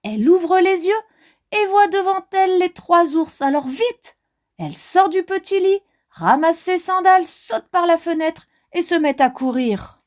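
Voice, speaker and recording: Woman storyteller, high voice, lively sing-song, slow, reading to children. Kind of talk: read-aloud storytelling for children.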